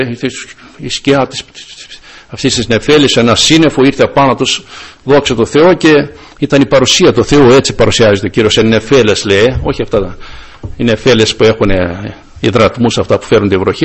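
Greek preacher man giving a sermon. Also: husky. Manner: addresses listeners as brothers often, rises in pitch to stress points.

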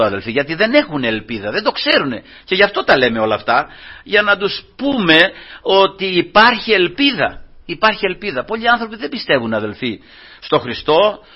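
A man's voice: high voice, big pitch swings, husky, lo-fi sound. A man preaching a fervent Pentecostal sermon, often calling his listeners brothers.

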